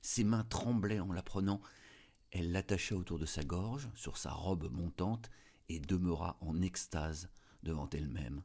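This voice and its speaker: A man narrating a classic story aloud in an expressive reading style. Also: low-pitched, measured pace.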